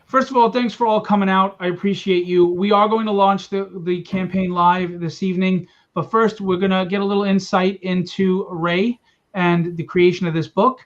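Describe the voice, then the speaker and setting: This man, a comic publisher, runs a livestream launch party, joking around with guests and building hype for his campaign. His voice sits high with little pitch variation, delivered at normal speed over dull, low-fidelity stream audio.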